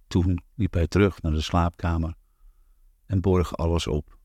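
A man narrating an audiobook in a calm, measured, even reading. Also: sits low, breathy edge, no echo, studio quality. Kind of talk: scripted narration.

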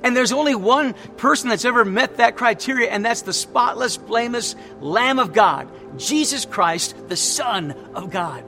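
A man's voice: very high-pitched, animated, moderate pace, hardly any pauses, pushed and bright, faint music behind. A man preaching a sermon, emphatic and repeating his key phrases as he tells stories. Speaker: pastor.

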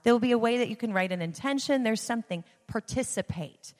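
A woman's voice: fairly high pitch, fast, darkish tone. A woman giving an informal, conversational sermon in an encouraging manner, repeating phrases for emphasis. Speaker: church speaker leading a giving appeal. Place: large reverberant room, addressing a gathering. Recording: reverberant hall sound.

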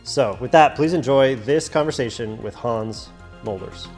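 A man's voice: mid-range voice, moderate pace, big-room sound, over loud music. A man hosting a podcast, introducing an episode in an earnest, conversational way. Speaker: podcast host.

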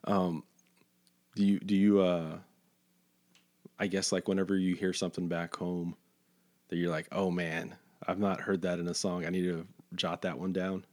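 This podcast host is a man with a low, slightly mellow voice and a flat delivery at a moderate pace, broken by long pauses. In a casual interview chat he asks rambling, hesitant questions packed with fillers and restarts.

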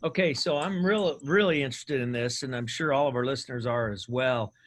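A man hosts an interview podcast in an upbeat, chatty way. His voice sits at a middling pitch, and he rambles a little, often restarting his sentences. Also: brisk. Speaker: podcast host. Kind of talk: casual interview hosting.

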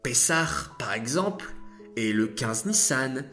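A man voicing a kind, patient God who consoles the moon in a children's story, speaking low, slow and reassuring. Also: expressive, sharp tone, faint music behind. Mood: explaining.

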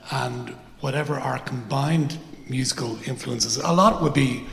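A man, a songwriter guest, talking in a relaxed, easygoing, slightly hesitant way. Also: mid-range voice, measured pace, vocal fry, faint music behind. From Ireland. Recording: echoey hall with faint noise.

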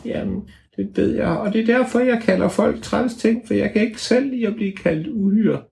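Man doing a tiny winged sprite girl for a told story, sulky and touchy, squeaky voice pitched far above his own. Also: vocal fry, a little mellow. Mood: wary.

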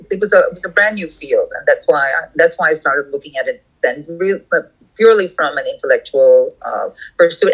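A woman's voice: sits low, slightly rough, highs cut off. A middle-aged woman from India, answering interview questions over a video call in a digressive way, thinking aloud with many restarts. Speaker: guest lawyer.

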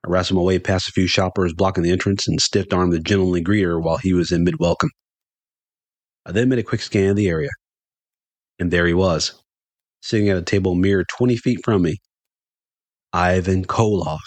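A middle-aged man telling a funny personal story in first person, animated and getting excited when he quotes himself. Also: brisk, long pauses, no room sound. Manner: animated, jumps higher for excited quoted lines.

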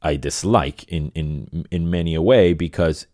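On his own podcast, a middle-aged Venezuelan man speaks in a low, slightly mellow voice at a measured pace. His casual monologue drifts, with self-corrections and repeated phrases, and it's recorded dry with clean studio sound.

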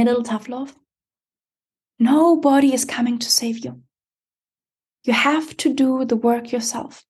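A woman with a high, slightly mellow voice hosts a motivational podcast, addressing the listener directly. As an empowerment coach, she speaks emphatically and encouragingly.

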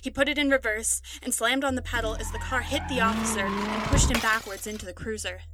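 A woman narrating a scripted story in a steady, measured reading voice. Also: on the high side, noisy background.

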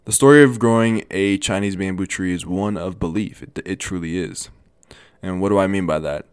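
A man in his twenties telling a motivational story in a casual, animated way, with many restarts and repeated phrases. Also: low voice, normal speed, clean tone, no room sound, clean studio sound. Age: 20s. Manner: animated, repetitive, lots of restarts. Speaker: motivational vlogger.

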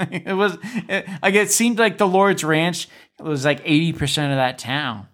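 A man hosting a casual interview, talking in an animated, sarcastic way. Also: on the high side, a little slow. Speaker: podcast host.

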